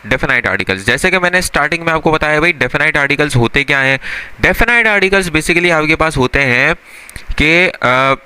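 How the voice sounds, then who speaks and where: Bright, clear-voiced Hindi grammar teacher man. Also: a little high, brisk. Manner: asks the class questions and answers them himself, calls students "beta" and "bhai". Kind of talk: classroom-style grammar lesson.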